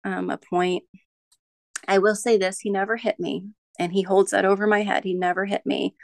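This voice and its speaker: A middle-aged woman speaks as a podcast guest, telling a personal story with a gravelly edge in her voice. She talks haltingly, restarting sentences and pausing on filler sounds. The sound is close and dry, with no room behind it. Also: mid-range voice, flat delivery, no echo. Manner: halting, with frequent restarts and ums. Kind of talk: candid interview storytelling.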